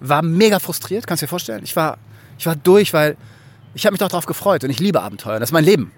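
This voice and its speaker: Animated, husky German storyteller man. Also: fairly high pitch, quick pace. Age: middle-aged. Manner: animated, laughs often, acts out quotes. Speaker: guest. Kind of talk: casual podcast storytelling.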